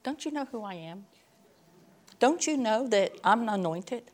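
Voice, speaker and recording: A woman's voice: on the high side, expressive, a little slow, darkish tone. A woman putting on a whiny indignant young shepherd. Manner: whiny complaining.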